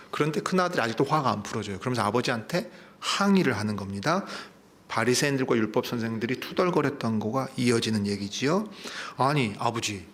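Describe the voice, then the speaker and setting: A man's voice: mid-range voice, fairly bright tone. A man, a pastor, preaching a Sunday sermon, retelling a parable with questions to the congregation. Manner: storytelling preaching with asides to the congregation.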